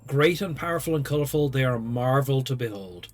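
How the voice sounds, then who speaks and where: A man's voice: medium pitch, expressive, fairly quick. A man hosting a game playthrough, reading narration and dialogue choices aloud as he plays. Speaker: let's play host.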